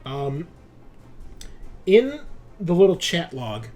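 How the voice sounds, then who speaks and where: Acting as game master for a tabletop roleplaying game, this man talks with casual enthusiasm and the odd curse. His voice is on the high side, very animated and dark in tone, and he speaks slowly, with music in the background.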